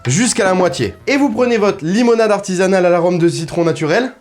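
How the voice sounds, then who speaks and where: A man's voice: high voice, animated, fast talker, a little mellow, faint music behind. A man hosting a comedic cocktail tutorial, talking straight to the viewer in crude, ironic, mock-serious patter. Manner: addresses viewer directly. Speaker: host.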